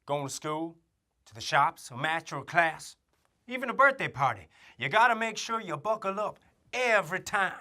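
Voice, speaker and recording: Hammy cowboy sheriff guy for kids, someone putting it on, fake drawl, bright tense voice, yells yeehaw. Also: medium pitch, very animated, moderate pace. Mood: hammy cheerful. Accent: put-on American cowboy drawl. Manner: hammy, showy, yelling catchphrases. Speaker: road-safety mascot addressing children. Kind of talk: scripted kids' safety promo.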